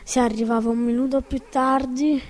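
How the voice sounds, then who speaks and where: A woman's voice: high voice, level tone, moderate pace, darkish tone, long reverb tail, voice pushed up, close to an everyday voice. A woman voicing a loyal, friendly male dog in a storybook reading, firm and wise.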